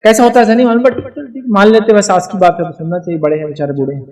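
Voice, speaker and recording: A man's voice: high voice, steady tone, very fast, a little mellow. A middle-aged man giving a religious advice talk to a live audience, emphatic and full of rhetorical check-ins. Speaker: lecturer answering audience questions. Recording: voice picked up from a distance.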